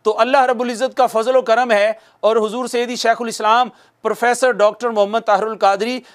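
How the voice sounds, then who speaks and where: A man's voice: very high voice, level tone. A man teaching a recitation class, patiently repeating sounds and asking questions that he answers himself. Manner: patient, repeats sounds slowly for students to copy. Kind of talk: recitation lesson.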